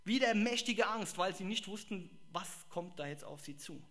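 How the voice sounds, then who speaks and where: A man preaching a sermon, lively and exclamatory, acting out the voices he quotes. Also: high voice, normal speed.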